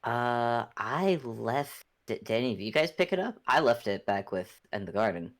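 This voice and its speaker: A woman playing a tabletop game in character, excitable and stumbling over her words. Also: extremely low pitch, moderate pace. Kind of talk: in-character tabletop role-play.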